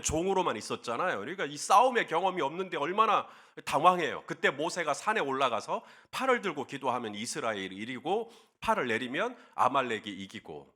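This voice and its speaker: A male pastor giving a sermon, telling a story in an animated, expressive way to his congregation. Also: on the high side.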